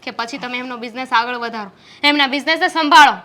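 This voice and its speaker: A woman's voice: high voice, fast, sharp tone. An actress playing a young wife who scolds her idle husband in a short drama film. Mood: scolding. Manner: scolding, insistent. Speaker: actor as the wife. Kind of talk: Gujarati short film acting.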